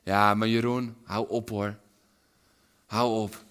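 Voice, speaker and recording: A man preaching a sermon, dropping to hushed whispers and rising to loud, impassioned climaxes. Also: fairly low pitch, flat delivery, slow, clear, resonant tone.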